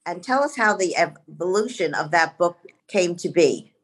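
A woman's voice: on the low side, lively intonation, moderate pace. A woman hosting an interview podcast, introducing her guest and asking questions. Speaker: podcast host, media company president.

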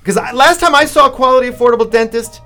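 A man's voice: extremely high pitch, fast, bright, forceful tone, soft background music. A middle-aged man from New York co-hosting a radio talk show, joking and self-deprecating as he banters and reads ads. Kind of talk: casual radio banter and live-read ads.

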